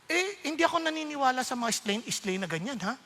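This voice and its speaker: A man preaching a sermon, telling his own story in an animated way and acting out what others said. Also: extremely high pitch, fast talker, creaky, long reverb tail. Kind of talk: sermon testimony.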